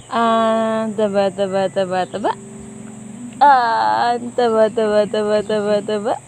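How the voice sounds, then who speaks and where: A woman's voice: mid-range voice, steady tone, slow, a little mellow, a little hiss or hum. A woman with a Filipino accent talking to a baby in playful, sing-song baby talk, repeating short questions and nonsense syllables. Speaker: parent or carer of a baby.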